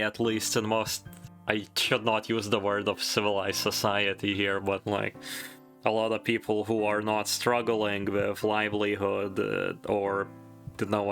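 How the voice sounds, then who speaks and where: Music sits behind this video essayist as he gives a casual, rambling retrospective with wry commentary. His voice is creaky and on the low side, with a fairly bright tone.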